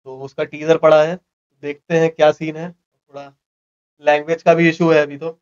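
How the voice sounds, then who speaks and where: A young man with a slightly high voice, trading jokes and opinions in casual chat. He sits at a desk mic in a small room, and the recording sounds a little dull and muffled. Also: level tone, moderate pace, a little mellow, clean tone. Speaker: reaction video co-host.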